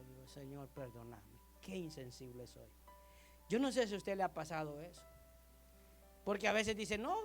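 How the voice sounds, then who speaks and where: A man preaching a sermon, telling stories animatedly and acting out the quoted dialogue with his wife. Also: a little high.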